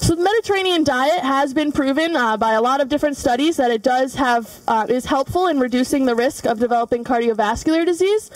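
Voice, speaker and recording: This culinary student demonstrator has a high-pitched voice and talks quickly, barely pausing. In a large studio kitchen, the young woman explains every cooking step with frequent fillers, recorded from well away from the mic.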